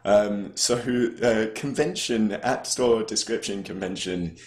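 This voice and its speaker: Deep-voiced man with roomy echo. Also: unhurried. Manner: rambling, hesitant, with many restarts. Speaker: podcast co-host. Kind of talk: casual podcast chat.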